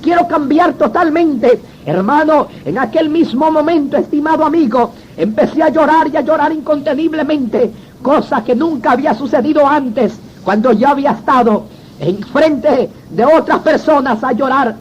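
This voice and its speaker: A man's voice: very high voice, normal speed, a little hiss or hum, poor audio. A man giving a religious conversion testimony, telling it dramatically and addressing the listener as brother. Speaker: former gang member giving a testimony.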